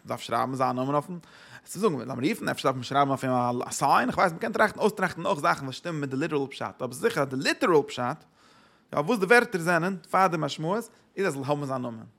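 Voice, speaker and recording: A man gives a Torah lecture in a somewhat high, gravelly voice. He poses rhetorical questions and answers them himself, slipping English words into his explanations. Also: a bit bright.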